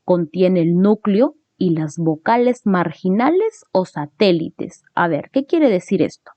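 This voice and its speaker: Lady teacher going slow thru a grammar lesson, keeps asking "right?", dull lo-fi sound. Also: lowish voice, sing-song, dry recording. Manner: explains step by step, checks in with frequent tag questions. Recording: dull lo-fi recording.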